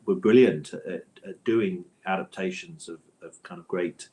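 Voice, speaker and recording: This middle-aged interview guest writes books and audio drama scripts. His deep, warm voice moves at a measured pace, and he answers conversationally, pausing to reconsider and rewording things as he goes.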